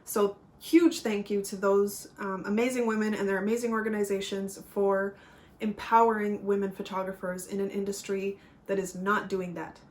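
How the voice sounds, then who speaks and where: A woman's voice: medium pitch, flat delivery, moderate pace. A woman who works as a fashion photographer, talking earnestly in a casual vlog with frequent ums and apologies. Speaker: pageant vlogger and fashion photographer.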